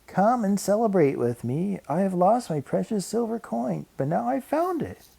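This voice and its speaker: A man voicing a joyful woman in a Bible parable, calling her friends in a high, drawn-out voice. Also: very animated, vocal fry, dark tone, breathy edge, heavily acted. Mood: overjoyed. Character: joyful woman who found her lost coin.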